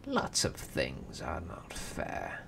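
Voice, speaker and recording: A man's voice: extremely low pitch, wildly swooping pitch, extremely slow, creaky, noisy background, voice pushed down, exaggerated voice. A man doing a sly, teasing little imp. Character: sly little male imp who strikes bargains.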